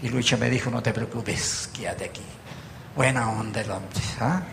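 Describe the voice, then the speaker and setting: A Chilean man preaching a sermon at a church meeting, telling stories with gentle humor and asking rhetorical questions. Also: mid-range voice, moderate pace, creaky, background noise. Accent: Chilean Spanish.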